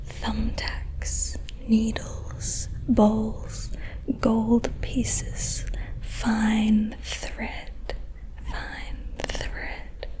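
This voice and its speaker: A woman's voice: on the high side, warm tone, low-quality recording. A woman playing a proud, mischievous leprechaun in a whispered role-play, with quaint phrases and lingering repeated words. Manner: playful, haughty storybook leprechaun with quaint turns of phrase; slow, lingering repetition of words. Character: proud, mischievous leprechaun collector of trinkets and treasures.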